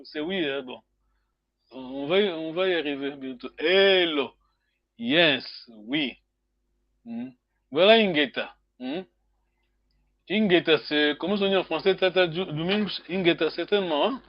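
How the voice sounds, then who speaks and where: Homme à voix aiguë, débit lent. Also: male voice, on the high side, no room sound, dull audio. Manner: slow, questioning students, many hmm fillers. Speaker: Kikongo language teacher. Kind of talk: online group lesson.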